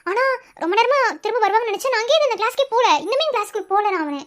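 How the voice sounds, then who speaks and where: A woman voicing an anxious female college student hushing her friend. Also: very high-pitched, lively intonation, very fast. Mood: worried.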